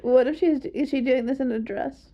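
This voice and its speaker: A young woman co-hosting a podcast in casual chat, laid-back and quick to laugh. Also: high-pitched, dull audio. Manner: laid-back, laughs often, short replies. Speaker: podcast co-host. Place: small podcast room.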